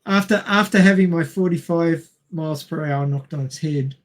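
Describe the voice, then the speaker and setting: Reading quiz questions aloud and chatting with friends, an Australian-accented man keeps things casual. He speaks a little high at a moderate pace.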